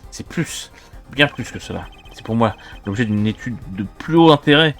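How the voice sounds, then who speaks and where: A man's voice: medium pitch, animated, moderate pace, gravelly, a bit bright, soft background music. A man voicing a flustered, nerdy male science student testifying in court, pleading his innocence. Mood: pompous. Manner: protests in a pleading voice.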